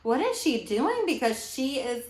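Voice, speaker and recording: A woman's voice: sits high, very animated, measured pace, darkish tone. A woman co-hosting an investing podcast, chatting with upbeat enthusiasm. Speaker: podcast co-host. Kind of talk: casual podcast chat. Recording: roomy echo.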